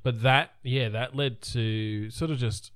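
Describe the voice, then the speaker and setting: A man's voice: medium pitch, fairly even intonation, slow, a bit bright, clear, resonant tone, dry recording, studio quality. A man in his thirties co-hosting a podcast, chatting casually and rambling with many restarts. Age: 30s. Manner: rambling, restarts often, trails off. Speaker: podcast co-host. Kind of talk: casual chat.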